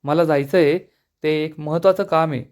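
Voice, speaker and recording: Brief: stubborn boastful old man, voiced by a man, brushes off worry, slightly high voice. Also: steady tone, fairly quick, darkish tone, natural voice.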